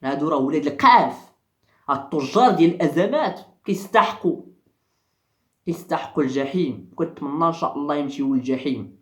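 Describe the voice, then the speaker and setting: A man's voice: on the high side, lively intonation, fast, fairly bright tone, reverberant. A man with a Moroccan accent giving a fiery commentary rant, repeating himself and firing rhetorical questions at his viewers. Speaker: social commentary vlogger.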